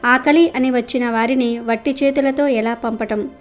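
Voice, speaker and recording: A woman's voice: fairly high pitch, steady tone, normal speed, faint music behind, lightly acted. Woman voicing an anguished devout husband. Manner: distressed, earnest.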